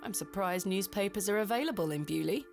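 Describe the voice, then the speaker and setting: A prim, inquisitive Victorian lady in a pixel-art game. She speaks formally and politely, with animated pitch. Music plays clearly beneath her. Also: brisk. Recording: game audio over music.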